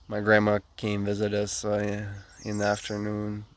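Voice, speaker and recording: A man's voice: lowish voice, monotone, normal speed. A man in his thirties, from Ukraine, telling a long personal story in a casual, rambling way with many fillers and restarts. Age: 30s.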